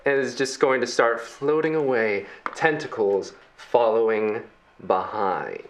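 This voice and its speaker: A man narrating a tabletop game as dungeon master, relaxed and playful, throwing in silly sound effects. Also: mid-range voice, takes it slowly, noisy background.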